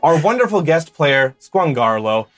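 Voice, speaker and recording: A woman's voice: deep voice, sing-song, unhurried, dry recording, faint music behind. A woman running a tabletop game as game master, narrating scenes playfully and laughing often.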